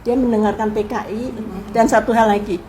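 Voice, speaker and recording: Speaking briskly, this older woman from Indonesia shares casual memories of her family's history during an interview. She has an unusually high voice for a woman and tells her story with lively energy, acting out the voices of those she quotes. A faint hiss runs under the rough recording.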